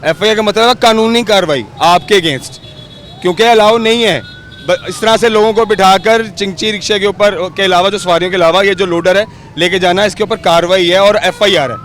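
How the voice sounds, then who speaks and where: A male street reporter with a Pakistani Urdu accent presses people with probing questions beside a busy road. His voice sits high for a man, with faint traffic noise around him. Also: brisk, a bit bright. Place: roadside outdoors in city traffic.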